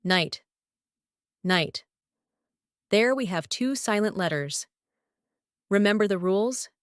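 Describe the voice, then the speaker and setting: A woman with a Lithuanian accent and a mid-range, clean-toned voice gives an animated English pronunciation lesson at a moderate pace, repeating each example word several times. The studio-quality recording has no echo.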